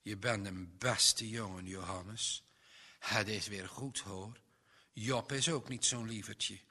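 A man playing a kind, moved father who speaks softly and gently. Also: fairly even intonation, slow, breathy edge, full character voice. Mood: gentle. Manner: soft and gentle, a bit lower. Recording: long reverb.

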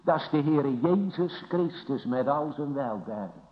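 A man preaching a sermon in a church, solemn and emphatic, asking his listeners rhetorical questions, his loudness rising and falling. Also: a little high, animated, measured pace, slight background noise. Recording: lo-fi recording with long church reverb.

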